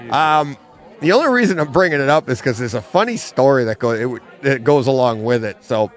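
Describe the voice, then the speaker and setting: A middle-aged man co-hosting a casual podcast from a comic bookstore, telling an animated story and laughing often. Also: medium pitch, fairly quick, some chatter behind. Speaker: podcast co-host.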